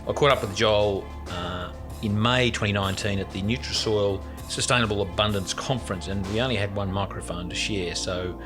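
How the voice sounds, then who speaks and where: An Australian man speaking as a podcast host and interviewer, with a somewhat hesitant, halting delivery. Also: lowish voice.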